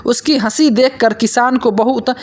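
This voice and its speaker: A woman reading a folk tale aloud in a steady, plain storytelling manner. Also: on the high side, moderate pace. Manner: steady, plain reading with quoted dialogue read in. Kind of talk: scripted story narration.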